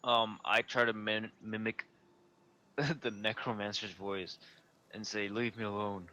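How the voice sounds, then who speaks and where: A man's voice: lowish voice, fairly even intonation, slow pace, pushed and bright, lo-fi sound. A man chatting casually as a player in a tabletop game. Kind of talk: casual chat.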